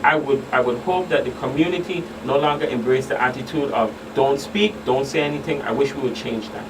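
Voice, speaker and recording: On a radio talk show, a man appears as a guest expert, talking briskly at a medium pitch and repeating phrases emphatically for stress. Distant microphones pick him up over a loud air-conditioning hum.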